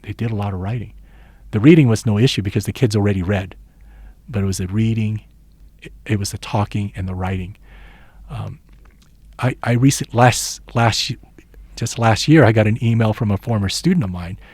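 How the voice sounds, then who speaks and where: Thoughtful and earnest, a Philippine-born man in his sixties answers interview questions as an education professor and recounts teaching experiences. He speaks at a moderate pace in a fairly low, darkish, slightly rough voice, and the recording is dry.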